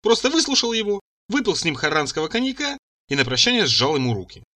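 A man's voice: high-pitched, big pitch swings, quick pace, sharp tone. A man narrating an audiobook in the first person, telling the story expressively. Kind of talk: audiobook reading.

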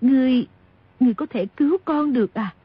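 A woman voicing a former courtesan mother who speaks softly, pleading and emotional. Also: high-pitched, brisk, slightly rough, no room sound. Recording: dull lo-fi audio.

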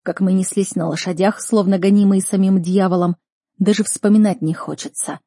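A woman narrating a first-person audiobook in an earnest, expressive manner. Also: mid-range voice, moderate pace, dry recording, studio quality.

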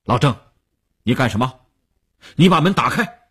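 A man's voice: low-pitched, expressive, normal speed, a little mellow, husky, pitched below the performer's own voice. A man voicing a commanding middle-aged male tycoon under pressure, grave and decisive.

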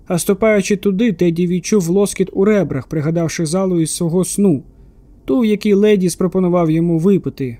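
High-voiced man narrating an audiobook. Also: no echo. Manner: steady, measured storytelling.

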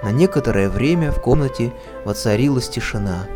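A man reading a children's story aloud with calm, even narration. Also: mid-range voice, a little fast, over music. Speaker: reader.

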